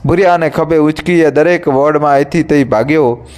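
A man's voice: fairly high pitch, fairly quick, a little mellow, smooth. A man narrating a dramatic village story in a scripted, emphatic way.

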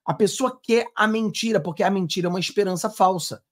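A man's voice: sits high, quick pace. A man in his thirties with a Brazilian Portuguese accent, giving earnest, emphatic live commentary from a home studio on headphones. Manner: earnest, emphatic, gestures with hands. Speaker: political commentator. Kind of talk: live-stream reaction commentary. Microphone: over-ear headphones, desk mic.

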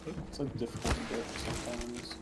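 A man's voice: mid-range voice, fairly even intonation, quick pace, over loud music. A man on voice chat as a teammate in a shooter game, talking hesitantly with many fillers. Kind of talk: casual voice chat. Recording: loud game gunfire behind.

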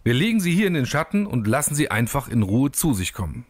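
A man voicing a clever young male emerald lizard in an animated storybook film, talking in a wry, sensible way. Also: medium pitch, fast talker, slightly rough, no room sound. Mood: calm.

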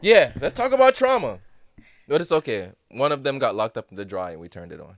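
A man's voice: mid-range voice, big pitch swings, a little fast, dry recording, studio quality. A man hosting a podcast, brash and joking, cursing freely. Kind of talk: casual podcast chat.

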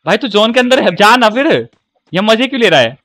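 A young man streaming a mobile battle game, chattering excitedly with friends, often shouting and repeating himself. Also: high-pitched, a little fast, no room sound. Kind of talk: live gameplay chatter with friends.

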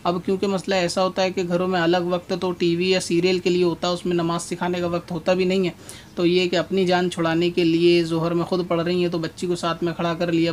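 A man answering a religious question about prayer in a steady explanatory way, pausing now and then with "aa". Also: sits high, slight background noise. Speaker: Islamic scholar answering a question.

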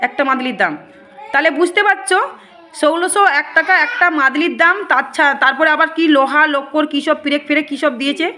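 Fast-talking, high-voiced woman healer. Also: sharp tone, slight background noise. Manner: earnest, repetitive, often asks "ঠিক আছে?". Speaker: spiritual healer. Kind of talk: addressing devotees and viewers.

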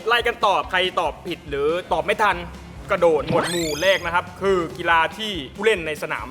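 High-voiced man hosting a quiz game. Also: brisk, music in the background. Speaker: game show host and referee. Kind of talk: casual quiz hosting with polite announcements.

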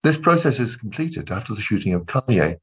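A male academic lecturing on literature in a measured, deliberate way. His voice sits low and carries a slightly husky grain throughout. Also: very animated, fairly bright tone, rough recording. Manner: measured, reads quoted passages aloud between comments. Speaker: literature professor giving a lecture.

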